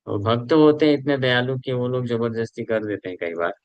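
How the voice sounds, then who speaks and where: A man's voice: medium pitch, brisk, smooth, dry recording, dull audio. A man giving a conversational scripture class as a preacher, asking his listeners questions and mixing Hindi with English.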